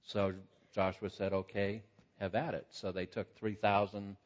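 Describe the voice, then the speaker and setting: A male preacher teaching from the Bible in a halting, conversational way, his voice echoing as if in a big cave. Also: little pitch movement. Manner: conversational and halting, with repeated false starts. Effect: booming cave-like echo on the voice. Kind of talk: Bible teaching sermon, reading scripture aloud. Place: large reverberant room. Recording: echoey hall, muffled lo-fi sound.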